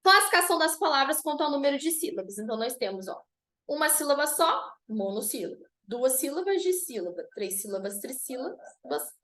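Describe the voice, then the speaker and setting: A woman's voice: sits high, very animated, pushed and bright. A woman teaching an online grammar lesson, spelling out rules and reading example words one by one. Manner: slow, deliberate dictation of rules and example words.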